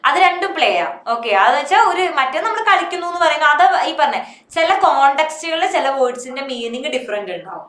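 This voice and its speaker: A Malayali-accented woman teaches an online English class, putting a question to her students and then answering it herself. Her voice sits high and sounds bright. The room around her adds a noticeable echo. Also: expressive, quick pace.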